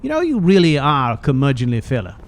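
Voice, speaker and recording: A man's voice: mid-range voice, huge pitch swings, quick pace. A man voicing a cheeky, chatty old rusty robot in a game, with a folksy drawl and teasing manner. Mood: boastful, amused. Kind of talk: video game character dialogue.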